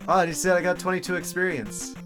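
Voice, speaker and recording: A man giving casual live commentary as a game streamer, thinking aloud in a halting way. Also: high voice. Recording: video game music behind voice. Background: video game music.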